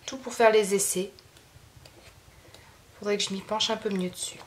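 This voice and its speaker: A woman's voice: medium pitch, fairly even intonation, normal speed, slight background noise. A French woman chatting casually through an art-supply haul video, rambling with many fillers and restarts. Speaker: craft youtuber showing art supplies.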